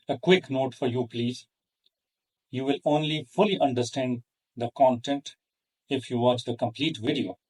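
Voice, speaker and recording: A man hosting an English pronunciation lesson, speaking in a careful, measured way with pauses between phrases. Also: medium pitch, husky, far from the mic. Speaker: host, English teacher. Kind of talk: slow deliberate lesson.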